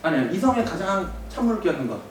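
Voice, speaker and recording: A man giving a lively workshop lecture to teachers, acting out students and teachers in quick voices and asking the room questions. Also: high-pitched, far from the mic. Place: large basement seminar hall, in front of an audience. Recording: roomy echoing hall, mic from afar, faint music.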